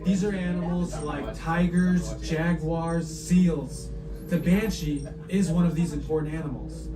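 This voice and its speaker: Higher-voiced man giving an echoey attraction briefing. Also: fairly even intonation, unhurried, crowd noise. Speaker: theme park attraction guide. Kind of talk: scripted live attraction briefing. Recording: echoey room, distant, noisy.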